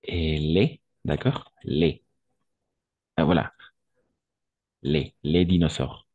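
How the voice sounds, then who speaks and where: A man's voice: extremely low pitch, very slow, a little mellow, husky, no room sound, muffled recording. A man teaching French in an online lesson, patiently repeating words and correcting pronunciation.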